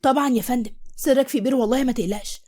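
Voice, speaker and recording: A woman's voice: on the high side, very fast, dark tone, close to an everyday voice. A woman doing a gushing devoted young nurse. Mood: eager. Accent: Egyptian Arabic. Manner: eager, gushing. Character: eager young female nurse, devoted and outspoken. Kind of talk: storybook voice acting.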